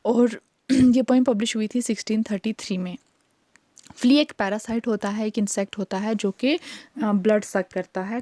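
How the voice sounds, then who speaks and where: A woman teacher explaining a poem line by line, reading English verse slowly and then explaining it in Hindi. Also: medium pitch, mellow, no room sound. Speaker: literature teacher.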